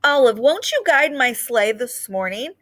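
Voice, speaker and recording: A woman voicing a kindly, jolly old Santa in a children's storybook, speaking with gentle, measured emphasis. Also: fairly high pitch, big pitch swings, voice pushed up. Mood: gently coaxing. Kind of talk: children's storybook read-aloud.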